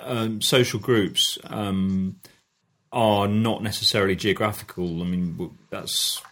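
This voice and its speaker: A man hosting a casual podcast chat, relaxed and drily joking as he steers the talk. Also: on the low side, a little slow. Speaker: podcast host.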